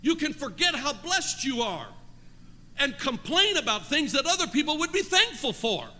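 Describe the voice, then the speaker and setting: In a church sanctuary, an older pastor with a very high, bright, forceful voice preaches at a moderate pace and in a very animated way. He swings from folksy stories to fervent appeals, growing more intense and calling on the congregation to answer him. The live audio has a long hall reverb.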